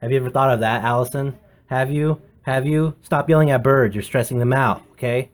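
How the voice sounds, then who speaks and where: A man's voice: mid-range voice, fairly quick. A man, an executive producer, delivering a playful mock lecture in comic banter.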